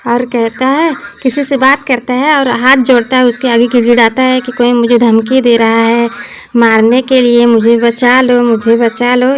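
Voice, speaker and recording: A woman slowly retelling a TV serial's plot in a casual, halting way, with many pauses. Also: a little high. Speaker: TV serial recap narrator. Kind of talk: casual spoken story recap.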